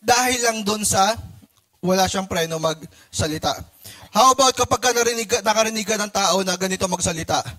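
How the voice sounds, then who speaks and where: A man preaching in a casual, lively way with a Filipino accent, asking the congregation questions, mimicking different ways of talking and laughing often. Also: high-pitched, a little fast. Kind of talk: sermon with audience questions.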